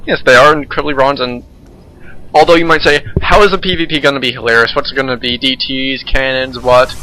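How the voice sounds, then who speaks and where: A man's voice: medium pitch, bright, forceful tone, poor audio. A young man casually commentating a strategy game replay, joking and sarcastic.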